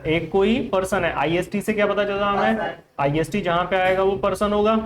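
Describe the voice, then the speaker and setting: A man's voice: sits high, steady tone, normal speed, a crowd in the background. A man with an Indian accent teaching an English vocabulary class in Hindi, quizzing his students with repeated questions. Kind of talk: classroom lesson.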